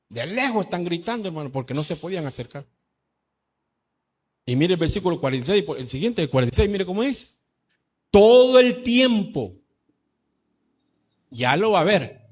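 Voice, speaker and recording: A middle-aged male pastor from El Salvador, preaching a lively sermon that swings from shouts to low asides. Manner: animated preaching, shifts from shouts to low asides, says "hermano" often.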